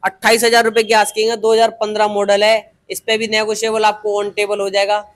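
A young man giving a hard-sell pitch as a used scooter dealer, listing prices and deals. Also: monotone, fast talker, fairly bright tone. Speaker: used two-wheeler dealer. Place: tiled scooter showroom, indoors.

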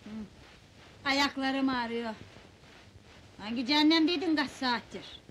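A high, bright-voiced nagging wife who whines and snaps. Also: female voice, unhurried, slight background noise. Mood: peevish. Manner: whiny, complaining, sharp. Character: nagging wife, sharp-tongued and peevish.

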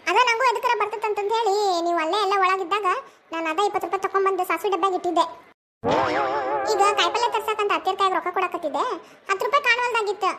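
A woman voicing a suspicious, scolding mother in a cartoon, talking briskly with a North Karnataka Kannada accent. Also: extremely high pitch, a bit bright. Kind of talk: cartoon voice acting.

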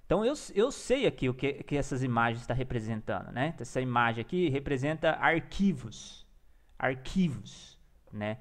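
Chatty man with a higher voice. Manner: chatty, enthusiastic, peppers talk with slang and tags. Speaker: language learner and teacher. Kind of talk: casual vlog-style lesson.

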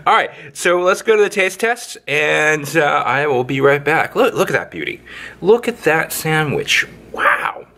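A man's bright, forceful, slightly high voice moves at a measured, sing-song pace as he hosts a playful cooking video in his indoor kitchen. The home cook and channel host peppers his work with sing-song sound effects, filmed by an overhead camera aimed at his hands.

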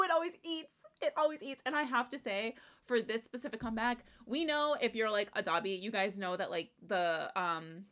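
A young woman giving casual reaction commentary on a music video, excitable and gushing, swearing casually and trailing off into restarts. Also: mid-range voice. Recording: faint music playing behind. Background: faint music.

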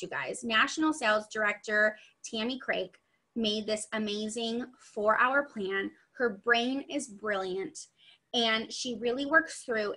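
A woman's voice: fairly high pitch, bright, forceful tone. A young adult woman giving a chatty, upbeat online training session, full of asides, over a video call. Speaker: sales trainer.

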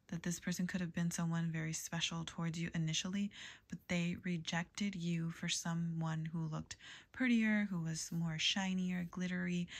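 A woman giving a tarot reading to a general audience, in a calm, even delivery with soft whispered asides. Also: lowish voice. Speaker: tarot reader.

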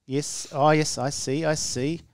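A man's voice: fairly high pitch, steady tone, unhurried, smooth, no room sound. A man with a broad New Zealand accent hosting casual sports banter in a blunt, sweary, matey way on a headset mic. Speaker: podcast host. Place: small indoor podcast setup, backdrop and curtains.

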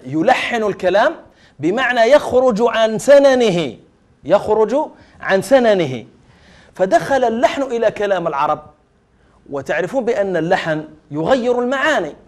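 A middle-aged man giving a televised religious lecture, speaking emphatically, repeating key phrases and addressing his students directly. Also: sits high. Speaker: lecturer on Arabic language sciences.

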